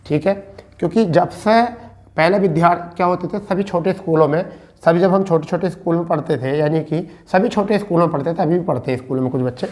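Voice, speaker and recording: A male teacher, his voice slightly higher than most men's, drills spelling in an online exam-prep lesson. He speaks, says each word twice and quizzes his students on it. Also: fast talker, a little mellow. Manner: addresses listeners as beta and bhaiya. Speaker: Hindi teacher.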